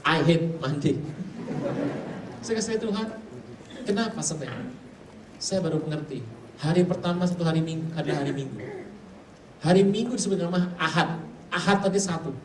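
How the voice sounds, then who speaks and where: A man's voice: a little high, normal speed, pauses often. A man preaching a sermon as pastor, telling stories and acting out the voices of the people he quotes. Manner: animated storyteller who acts out quoted voices. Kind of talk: sermon with storytelling. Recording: echoey hall, mic far off, faint noise.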